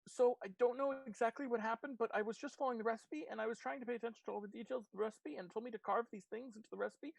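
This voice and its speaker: A nervous young kitchen helper, voice pitched high and rushing through stammered explanations. A game master plays the figure in a dry recording. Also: vocal fry, no echo, natural voice, poor audio. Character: panicked young assistant cook, high and fretful.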